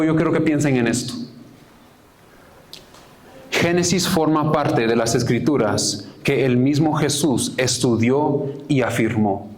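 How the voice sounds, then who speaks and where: A man preaching a sermon as pastor, earnest, repeating key phrases for emphasis and reading scripture aloud, stopping to correct himself. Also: a little high.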